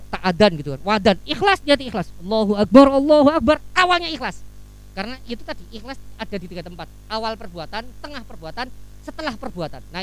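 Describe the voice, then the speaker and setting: A man preaches at a brisk pace, acting out little everyday scenes as he goes. His voice sits unusually high. A faint hum runs under the recording. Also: poor audio. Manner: lively storytelling, acting out everyday scenes, mixing in Javanese phrases. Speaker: Islamic preacher. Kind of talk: sermon. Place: office hall.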